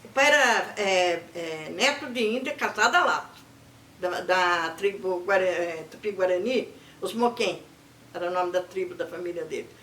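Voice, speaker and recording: An older woman with a Brazilian accent, telling family stories in a lively way and acting out the people she quotes. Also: on the low side, moderate pace, roomy sound, a little hiss or hum. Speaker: interviewee. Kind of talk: oral history storytelling.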